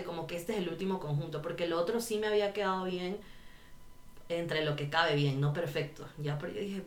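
Woman, podcast guest, lively storytelling, lowish voice, roomy echo. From Ecuador. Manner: lively storyteller who acts out quoted voices. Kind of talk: casual chat.

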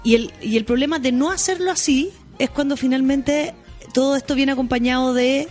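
A Chilean woman in her late thirties explaining sexuality topics in a relaxed, conversational way. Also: normal speed, soft background music. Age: 30s. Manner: explanatory, acts out quoted lines in a higher voice. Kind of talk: casual podcast chat.

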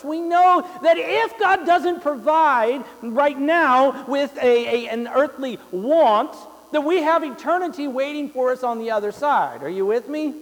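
A young man preaching from the pulpit, his voice set unusually high and carrying long reverb through a large church hall. He wanders through homely stories, stumbling over repeated words and scattering fillers as he goes, in a loose, conversational sermon style. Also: gravelly. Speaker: pastor.

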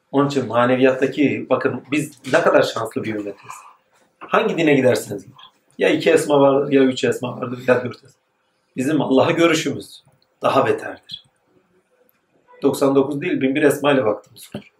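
A man giving a spoken religious lecture, rising emphatically and then dropping to low asides. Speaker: religious teacher. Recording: echoey room with faint noise.

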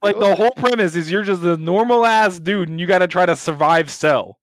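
A man's voice: high voice, a little fast, no room sound. A young man in casual group chat, talking in a slangy, sweary frat-bro way. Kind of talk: casual group chat about games and anime.

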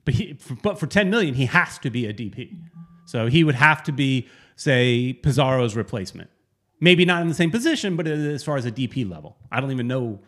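A man co-hosting a casual sports podcast, rambling and correcting himself as he talks, with sudden animated bursts. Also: medium pitch, fairly quick. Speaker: podcast co-host.

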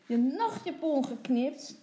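Woman doing an angry mom, loud scolding, fed up with the kids. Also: high-pitched, animated, slow, echoey room, voice pushed up. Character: cross mother, strict and exasperated.

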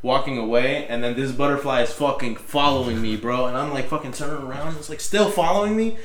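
A man's voice: mid-range voice, brisk, a bit bright. A young man chatting casually with friends in a slangy, profane frat-bro manner. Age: young adult. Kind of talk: casual chat among friends. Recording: roomy, echoing sound.

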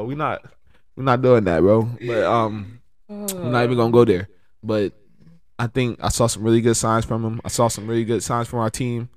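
A man in casual sports chat, rambling and relaxed, with lots of fillers and bursts of excited laughter. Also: medium pitch.

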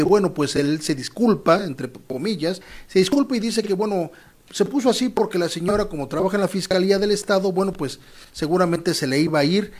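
A man hosting a news show, commenting indignantly with many fillers. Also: high voice. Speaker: news host.

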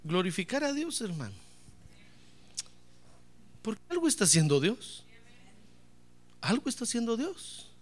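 A man's voice: high voice, big pitch swings, measured pace, pauses often. A man preaching a sermon as pastor, emphatic, calling on the congregation to answer back and slipping in joking asides.

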